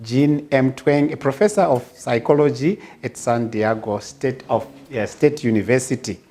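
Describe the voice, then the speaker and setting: A man, a pastor hosting a panel discussion, speaking in a measured way with pauses. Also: mid-range voice, warm tone. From Zimbabwe. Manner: slow, measured, with frequent "uh" pauses. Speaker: pastor hosting a parenting show.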